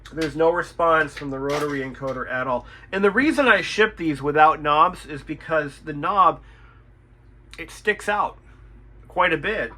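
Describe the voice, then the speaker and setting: Thinking aloud as he checks over his work, this radio repair technician and channel host speaks off the cuff, repeats himself, and swears mildly. His voice is on the high side with a sharp tone.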